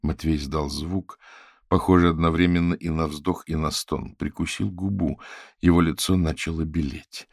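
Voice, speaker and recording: Deep, gravelly male audiobook narrator. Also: fairly even intonation, normal speed, darkish tone, no echo, clean studio sound. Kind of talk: scripted narration.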